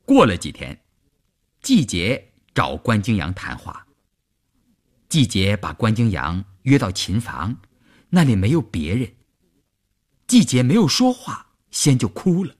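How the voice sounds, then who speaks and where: A man narrating a long-form story for radio in an expressive storytelling voice. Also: fairly low pitch, unhurried.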